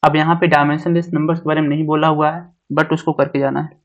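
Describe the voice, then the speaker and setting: A man teaches an exam syllabus, listing topic after topic and going over each one twice. His voice sits a little high and stays almost monotone. The recording sounds dull and lo-fi. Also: fast talker. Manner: repeats each point, mixing English syllabus terms into Hindi. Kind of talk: syllabus walkthrough lecture.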